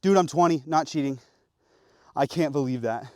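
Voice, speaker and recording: Speaking with a fairly high pitch at a moderate pace, this young Pacific Northwest vlogger addresses the camera excitedly and in slang while out with his bow on public land. He's recorded on an action camera, yet the sound is clean, studio-like and echo-free.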